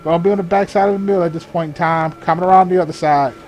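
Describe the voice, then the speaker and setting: A man with a high, darkish voice talks very fast in a fairly even tone, with slight background noise. He's a gamer role-playing a sheriff's deputy on police patrol, improvising radio call-outs that blend clipped procedural jargon with casual muttered asides over game vehicle and ambient sounds.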